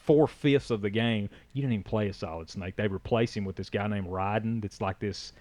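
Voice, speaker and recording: Co-hosting a podcast, a man talks casually in a lowish, slightly dark voice at a somewhat fast pace, with no echo. His chat rambles and is full of restarts.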